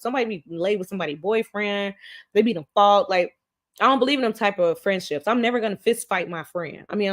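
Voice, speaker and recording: Female stream host, candid and profane, quick to laugh. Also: medium pitch. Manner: blunt and profane, laughs often, slips into acted quotes. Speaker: live stream show host. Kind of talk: candid casual chat.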